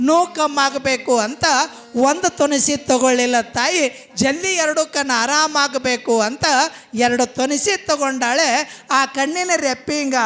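A man's voice: extremely high pitch, fairly bright tone. A man with a North Karnataka Kannada accent preaching a devotional sermon. He tells the story with passion and emphasis, acting out the people he quotes. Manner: impassioned, emphatic, retells scenes with quoted voices.

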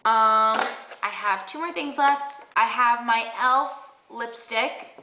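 A woman's voice: a little high, takes it slowly, sharp tone, roomy sound, slight background noise, poor audio. A young woman chatting casually as a beauty vlogger, gushing about her makeup with lots of fillers and restarts. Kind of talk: casual makeup haul chat.

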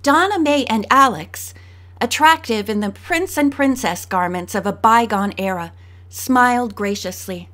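Woman reading an audiobook, higher voice. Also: unhurried, a bit bright. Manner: shifts pitch and pace to voice each character. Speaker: audiobook narrator.

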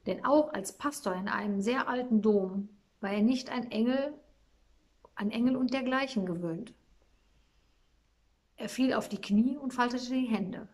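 A woman reading a Christmas storybook aloud in a calm, measured storytelling manner. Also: fairly high pitch.

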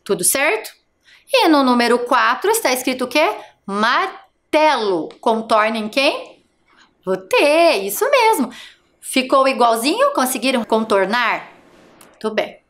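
Lively, high-voiced children's teacher woman. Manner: slow, patient, sounds out letters and syllables. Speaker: first-grade teacher. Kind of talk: televised classroom lesson for young children.

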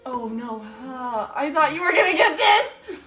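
A woman in her twenties chatting casually and excitably during a guessing game, prone to giggling. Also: high voice, unhurried, faint music behind. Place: small furnished living room, on a couch.

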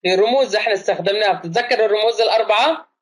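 Fast-talking high-voiced male trainer. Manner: quizzes the class with questions; mixes dialect with formal Arabic. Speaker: first aid trainer. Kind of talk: online lecture.

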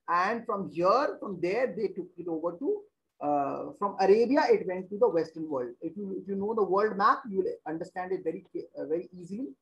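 A man's voice: sits high, animated, fairly quick, fairly bright tone, highs cut off. A man teaching an online class, repeating his words and stalling with hesitations as he explains. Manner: repetitive, thinks aloud with many hesitations.

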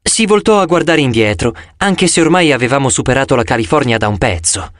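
Guy narrating an audiobook, very animated storytelling, dry studio mic. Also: mid-range voice, brisk, dry recording. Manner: animated first-person storytelling. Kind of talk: expressive audiobook reading.

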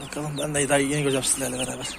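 A man's voice: medium pitch, little pitch movement, racing, creaky. A man vlogging in a farmyard, chatting to his viewers and calling to his chicks and geese. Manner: chatty, talks to viewers and calls to the animals. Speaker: hobby farm vlogger. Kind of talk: casual outdoor vlog. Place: outdoors in a farmyard with poultry. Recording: noisy outdoor farmyard recording. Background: chickens, roosters and birds.

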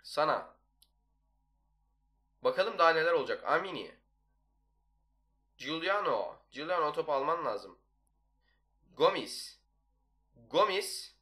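A man's voice: on the high side, sharp tone. A young man giving casual, nonstop gameplay commentary as a video host. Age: young adult. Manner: chatty, talks nonstop. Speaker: YouTuber, gaming video host. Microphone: desktop microphone.

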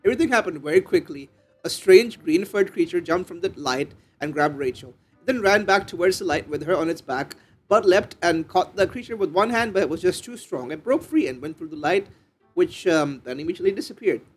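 Brief: casual male let's-play host, high and animated, loose and jokey. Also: brisk, husky, faint music behind. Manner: rambling, filler-heavy, joking. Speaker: gaming channel host.

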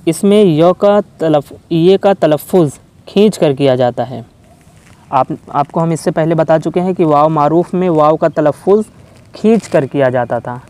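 A man teaching an online grammar lesson, explaining slowly and repeating example words one at a time. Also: a little high, mellow, smooth.

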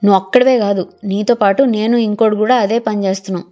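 A man's voice: high-pitched, fairly even intonation, quick pace, darkish tone, close to an everyday voice. A woman voicing a brash middle-aged village political fixer who brushes off worries in a breezy, dismissive way. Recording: muffled lo-fi, faint music.

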